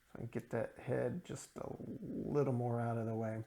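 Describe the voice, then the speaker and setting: A man's voice: mid-range voice, fairly even intonation, moderate pace, vocal fry, mellow. A man hosting a casual video beer review, talking in a chatty, explanatory way with frequent ums and uhs. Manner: careful with pronunciation, drawn out.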